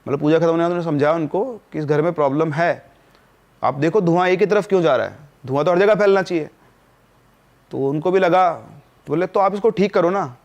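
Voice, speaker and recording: A man's voice: a little high, a little fast, darkish tone, dull audio. A man narrating a spooky story in a conversational podcast style, with dramatic asides to the listener. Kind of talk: casual spoken horror storytelling.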